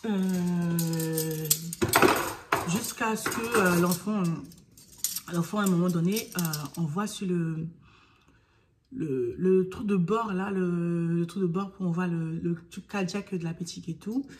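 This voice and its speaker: A young woman vlogger telling her story straight to the camera in a slightly low voice. She chats loosely and acts out her own pleas. At the tense parts she drops to a breathy near-whisper. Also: takes it slowly, a little mellow, slight background noise.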